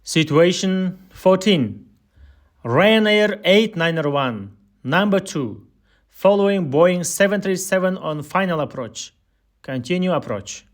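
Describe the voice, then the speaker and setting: Reading from a script, a man plays an instructor in an aviation listening exercise, pronouncing each air traffic control phrase in a measured, deliberate way. His pitch runs high and his delivery is animated.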